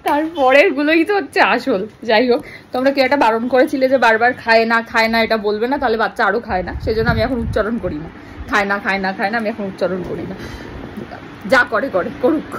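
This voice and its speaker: Woman in her 30s, home vlogger, chatty everyday tone, a touch high, faint noise behind. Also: a little fast, fairly bright tone, rough recording. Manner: chatty, talks to viewers while doing chores. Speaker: vlogger, mother. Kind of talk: casual daily-life vlog narration.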